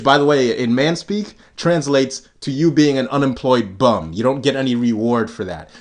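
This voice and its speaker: A man talking straight to his audience in a sarcastic, contemptuous rant, chuckling with scorn and slowing down to hammer home each punchline. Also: medium pitch. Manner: emphatic, slows down for punchlines. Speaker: vlogger. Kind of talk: sarcastic ranting monologue.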